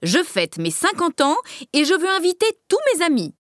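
A woman's voice: high-pitched, big pitch swings, normal speed, a bit bright, dry recording, clean studio sound, voice pushed up. A woman doing Monsieur Mazzarati, a grand party host. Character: rich fifty-year-old man, well-meaning.

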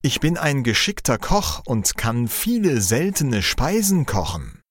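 A man's voice: medium pitch, sing-song, a little slow, slightly rough, no room sound, clean studio sound, voice pushed up. A man voicing a small, ugly young dwarf who earnestly offers his cooking skill, in a storybook reading.

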